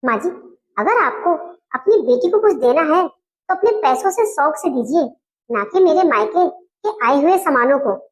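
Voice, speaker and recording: A woman doing a young wife who won't back down. Her voice sits very high and rings out firm and indignant as she scolds her in-laws. She delivers it like a family comedy skit. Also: lively intonation, normal speed. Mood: defiant.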